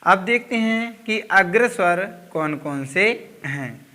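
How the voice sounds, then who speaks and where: Give me a male coaching-class teacher. He talks very slowly, pulling each vowel sound out long and deliberately, and his voice is bright and a little high. The sound has a long hall reverb. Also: animated. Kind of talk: slow spoken grammar lesson.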